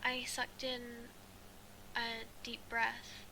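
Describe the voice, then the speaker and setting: Reading a first-person fan fiction story aloud as an amateur, a woman with a fairly high voice stumbles along haltingly, going back over phrases she trips on. Her pitch barely moves from a flat, narrow band, and clear background noise sits under her voice.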